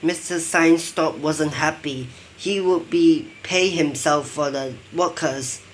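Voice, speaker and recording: Male narrator, mock documentary, slow and hesitant, faint noise behind. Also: on the high side. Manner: halting, rambling, non-native phrasing. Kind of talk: improvised storytelling narration.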